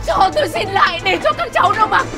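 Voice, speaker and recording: Woman doing a shrill wailing village wife, begging, voice leaping all over, loud music and crowd behind. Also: expressive, fast talker. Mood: pleading. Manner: wailing, begging, high-pitched lament. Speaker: poor wife pleading with debt collectors. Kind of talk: slapstick comedy sketch acting.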